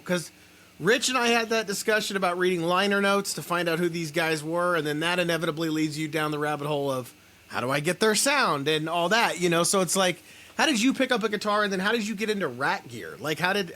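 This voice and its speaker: A man's voice: high-pitched, a little fast, pushed and bright. A man hosting an interview, chatting loosely with lots of fillers. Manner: loose and chatty, many "you know" fillers. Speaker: host. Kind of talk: casual interview chat.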